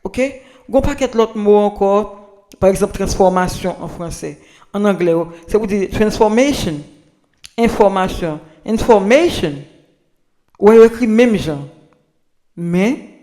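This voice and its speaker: A man whose voice sits high with a dark tone talks through pronunciation in an informal lesson, speaking with a Haitian Creole accent. This language tips presenter repeats himself, hesitates, and restarts frequently.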